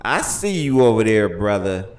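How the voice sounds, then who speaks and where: A man's voice: on the low side, very animated, normal speed, echoey room. A middle-aged man hosting a podcast, joking and laughing in casual banter. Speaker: podcast host. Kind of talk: casual chat. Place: studio room with large headset-style mic. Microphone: close boom mic.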